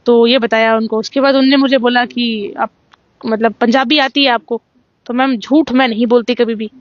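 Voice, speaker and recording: A young woman from Jammu, a singer being interviewed, telling her story in a lively way and acting out what the judges said. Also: a little high, normal speed, no echo, lo-fi sound. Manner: animated storytelling, acts out quoted judges. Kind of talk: casual interview.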